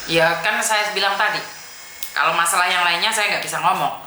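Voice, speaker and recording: A woman's voice: lowish voice, fairly quick, pushed and bright, roomy sound, a little hiss or hum. A woman host who gives firm, repetitive advice to a caller in a call-in chat. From Indonesia. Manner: firm, repeats herself, calls the caller "sayang".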